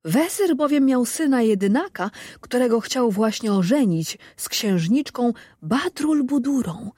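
A woman reading a fairy tale aloud with lively, expressive narration. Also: a little high, measured pace, no echo, studio quality. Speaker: storyteller.

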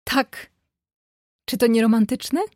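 A woman puts on a cheerful, teasing young man from a storybook. He is playful and light with his friend. The sound is dry and close, with a fairly high voice. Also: fairly even intonation, slow pace, no room sound.

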